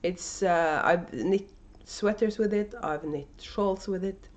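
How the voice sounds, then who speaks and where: A woman with a Norwegian accent speaks slowly in a fairly low voice while hosting a knitting video podcast indoors at home. Her unscripted, casual talk contains many fillers and restarts, recorded on a camera microphone.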